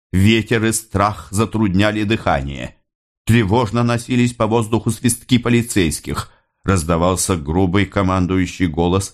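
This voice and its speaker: Deep-voiced man narrating an audiobook. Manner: measured dramatic storytelling.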